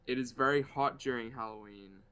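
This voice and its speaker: Bright-voiced Australian man, dry jokes. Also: mid-range voice, a little fast, smooth. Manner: dry, jokey asides. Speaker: co-host. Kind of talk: casual chat while drawing.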